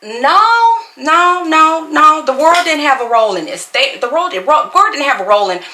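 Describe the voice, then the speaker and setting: A YouTuber in her forties vlogs from her bedroom at home while doing her makeup, filmed by a fixed camera at her desk. She talks back to a commenter with sass, repeating herself for emphasis. Her high, animated voice is pushed and bright at a normal speed, in a reverberant room.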